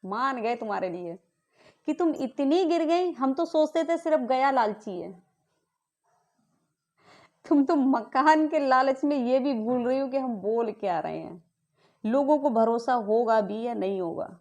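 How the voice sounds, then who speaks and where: Indignant high-voiced woman ranting. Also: animated, a little slow, darkish tone, dull audio. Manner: indignant, accusing, repeated rhetorical questions. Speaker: vlogger. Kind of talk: angry family-dispute rant to camera.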